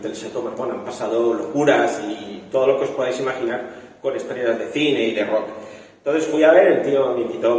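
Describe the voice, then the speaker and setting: Animated Spanish man in an echoey hall. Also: medium pitch, far from the mic, slight background noise. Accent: Spain. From Spain. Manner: animated storytelling, acting out quoted voices. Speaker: film director. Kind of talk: festival talk.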